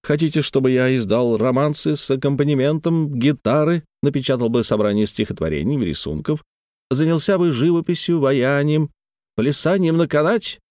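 A man reading the part of a playful, talkative young nobleman in love, with a raised, animated and teasing delivery. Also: medium pitch, normal speed, dry recording, clean studio sound, voice pushed up, close to an everyday voice. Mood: playful, ardent.

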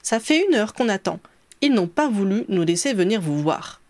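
A woman reading an audiobook, voicing a brisk, motherly middle-aged woman who takes charge. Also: medium pitch, big pitch swings, a little mellow, dry recording, lightly acted. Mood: chatty. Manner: motherly, bossy.

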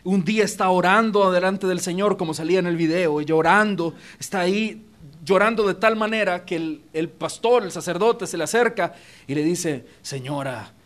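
A man's voice: high-pitched, normal speed, fairly bright tone. A male pastor preaching a sermon in a church auditorium, emphatic and speaking straight to the congregation. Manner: emphatic, addresses congregation directly.

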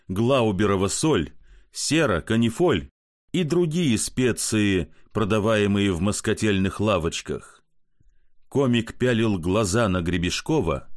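A man reads a story aloud as narrator, with an expressive telling. His pitch moves in a lively way through the sentences. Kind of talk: audiobook narration.

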